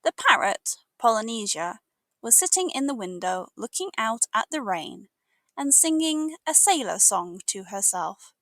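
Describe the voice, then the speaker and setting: A British woman narrates a children's storybook in the expressive manner of a teacher. Her voice is fairly high with a creaky edge, and she takes her time over each phrase, delivering it deliberately for learners. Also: no room sound. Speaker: English teacher reading aloud.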